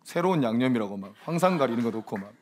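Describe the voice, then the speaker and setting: A man preaching a sermon, teasing his congregation with quick rhetorical questions and joking asides. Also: medium pitch, expressive, a little hiss or hum. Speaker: pastor.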